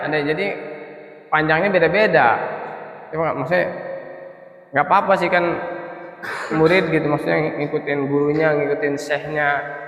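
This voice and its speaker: A man teaching a Quran recitation class, chanting syllables for students to repeat and explaining in quick, casual asides. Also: on the high side, vocal fry, sharp tone, echoey room, long reverb tail. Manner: quick casual asides between slow sung examples. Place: prayer room, indoors.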